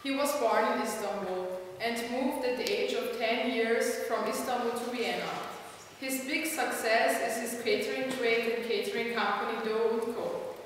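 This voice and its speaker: A woman's voice: fairly high pitch, normal speed, slight background noise. Young woman carefully reading, distant and echoey. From Austria. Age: young adult. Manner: careful reading, listing items. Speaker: student presenter. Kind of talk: reading a school presentation. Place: wood-panelled hall, indoors. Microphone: far camera. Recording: echoey hall from far off.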